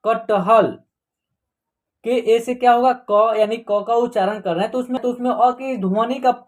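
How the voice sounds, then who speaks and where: A patient teacher, giving an online spelling lesson and slowly spelling out words letter by letter, with frequent checks that the class is following. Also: medium pitch, fairly even intonation. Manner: patient, repetitive, keeps checking "theek hai na".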